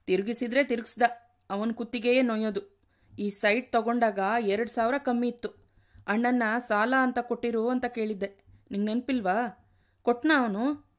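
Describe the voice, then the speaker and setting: A woman's voice: a little high, steady tone, normal speed, natural voice. Woman voicing a cranky seventy-five-year-old husband. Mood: indignant. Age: over 60. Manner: quarrelsome, raising his voice.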